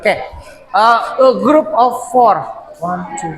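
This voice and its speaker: The teacher's voice sits high and a bit bright, and he speaks slowly. A man with a Sundanese accent, he coaches an English class amid student chatter, repeating words so the students can drill them.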